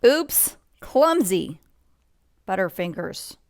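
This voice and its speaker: This bedtime read-along features a woman with a mid-range, creaky, darkish voice who is very animated, captured in clean studio sound with no room tone. She reads the picture book unhurriedly and conversationally, pausing for asides, highlighting details, and questioning the listener.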